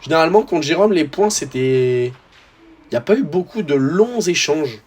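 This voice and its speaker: A man's voice: on the high side, animated, normal speed, a little mellow, a little hiss or hum. A young man with a French accent giving casual, slangy voice-over commentary on his own tennis match, talking straight to his viewers.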